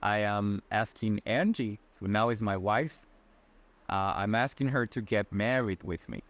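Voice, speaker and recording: This guest, an Ecuadorian man in his twenties, has a fairly low, slightly bright voice and an unhurried pace. Answering interview questions conversationally in a Latin American Spanish accent, he sounds friendly but hesitant, often restarting and using fillers.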